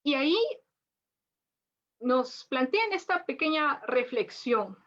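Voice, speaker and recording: Brief: woman lecturer, high voice, muffled lo-fi recording, chatty restarts. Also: lively intonation, slow, fairly bright tone. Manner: frequent tag questions and restarts. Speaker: lecturer on literature. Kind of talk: academic lecture. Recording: dull lo-fi audio.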